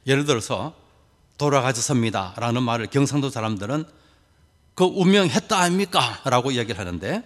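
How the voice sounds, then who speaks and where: A man's voice: mid-range voice, big-room sound. A man preaching a sermon to a congregation, asking rhetorical questions and adding folksy, humorous asides. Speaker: pastor.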